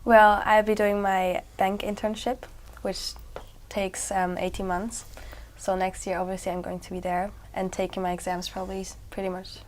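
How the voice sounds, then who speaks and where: A young woman talks her way through ideas in a spoken exam. She keeps an even, flat intonation and a relaxed, conversational manner. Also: mid-range voice, normal speed, hardly any pauses, a little hiss or hum. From Switzerland. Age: young adult. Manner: conversational, thinking aloud. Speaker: exam candidate.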